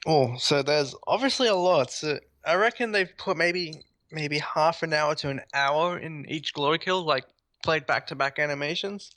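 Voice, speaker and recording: A man's voice: a little high, moderate pace, pushed and bright, no echo. A man chatting enthusiastically as a gaming podcast host. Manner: enthusiastic, rambling. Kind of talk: casual gaming podcast chat.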